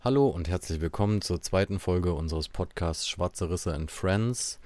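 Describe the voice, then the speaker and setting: Deep-voiced man hosting a podcast. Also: normal speed. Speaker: podcast host. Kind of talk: scripted introduction.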